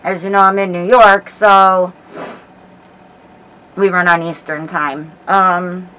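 A middle-aged American woman giving a casual vlog update in a hesitant, halting way while feeling sick with a headache. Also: on the low side, fairly even intonation, bright, forceful tone, poor audio. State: unwell with headache and nausea. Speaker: paranormal vlogger. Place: small dim bedroom, indoors. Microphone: camera mic at about arm's length, through a cloth face mask.

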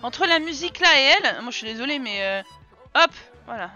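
A woman's voice: high voice, expressive, fairly quick, bright, forceful tone. A young woman from France chatting casually over gameplay, teasing the characters she controls. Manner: chatty, teasing, talks to her game characters. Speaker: streamer. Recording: dull lo-fi sound with game music behind.

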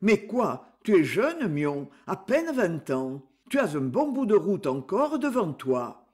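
A man voicing a gentle elder brother from the countryside, who speaks softly, consoling and earnest. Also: sits high, very animated, slow pace, full character voice.

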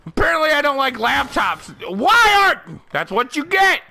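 High, lively-voiced excitable man gaming. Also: normal speed, vocal fry. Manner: excitable, profane, shouts at the game; laughs often. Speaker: gaming channel host. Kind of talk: live gameplay commentary.

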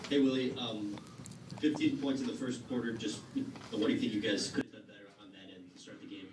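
A man's voice: fairly low pitch, steady tone, a little fast. A man, a sports reporter, asking a coach questions at a press conference in a loose, conversational way. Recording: echoey, distant, noisy room audio.

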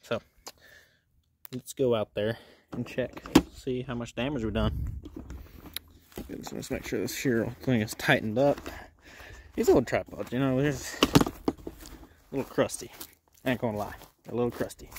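A man's voice: medium pitch, noisy background. Folksy man vlogging outdoors. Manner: folksy, plainspoken, talks to viewers as he works. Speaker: outdoors channel host. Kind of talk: casual outdoor gear-testing vlog. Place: outdoors at a shooting range.

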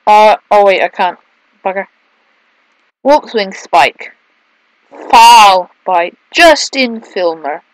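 A woman doing excitable, casual let's play commentary, mixing drawn-out exclamations with quieter asides. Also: medium pitch, no echo, low-quality recording. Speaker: gaming video host.

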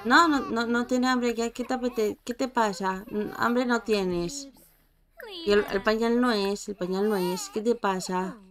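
A woman's voice: medium pitch, steady tone, measured pace, faint music behind. A woman giving casual, chatty commentary while playing a life-simulation game and talking to her characters. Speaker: gameplay streamer. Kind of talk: casual let's-play commentary.

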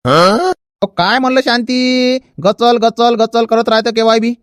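A man's voice: very high voice, steady tone, measured pace, a bit bright, clean tone, no echo, studio quality. A man playing a vain, dawdling seventy-year-old village man in a comedy skit, fussy and full of excuses. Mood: defensive.

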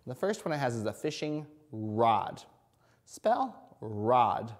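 Slow-paced man teaching young children. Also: medium pitch, sing-song. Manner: speaks simply and encouragingly, as if to a small child; sounds out and spells words letter by letter. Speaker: kindergarten reading teacher. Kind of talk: phonics lesson addressed to young children. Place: indoors at an interactive whiteboard.

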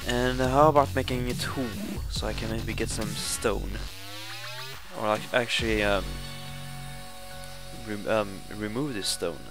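Speaking with a Swedish accent, the young man narrates his Let's Play at a measured pace, his voice lowish and his intonation fairly even. As a gaming channel host he's casual, peppering the commentary with fillers and self-corrections while game music plays.

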